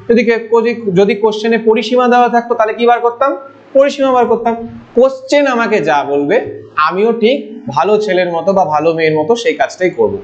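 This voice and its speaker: Male maths tutor, high voice, informal, quizzes students then answers himself, dull lo-fi audio. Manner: asks students questions and answers them himself; informal, addresses students with familiar forms. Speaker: maths teacher. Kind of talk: online maths lesson. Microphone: voice-over on slides.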